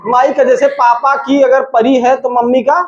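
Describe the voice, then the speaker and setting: High-voiced, shouting Indian English teacher. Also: male voice, little pitch movement, moderate pace, muffled recording, slight background noise. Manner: shouts drills, jokes with students. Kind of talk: classroom lesson with drills. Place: classroom with students.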